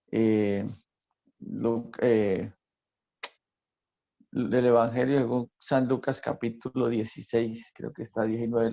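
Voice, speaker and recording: Gravelly man teaching a Bible class. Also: mid-range voice, warm tone, muffled recording. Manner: repeats phrases for emphasis and quizzes the class.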